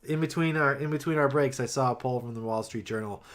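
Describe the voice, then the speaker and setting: A man's voice: mid-range voice, fast. A man co-hosting a podcast, chatting about politics in a wry, teasing way and hedging with 'I mean'. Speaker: podcast co-host. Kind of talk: casual political chat.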